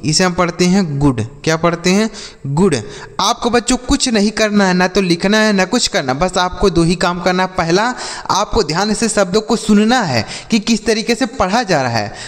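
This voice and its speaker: A man teaching English vocabulary to children. He repeats every word, asks the class questions, answers them in a lower voice and draws out the English example sentences slowly. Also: in a large hall. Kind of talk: spoken vocabulary lesson for children.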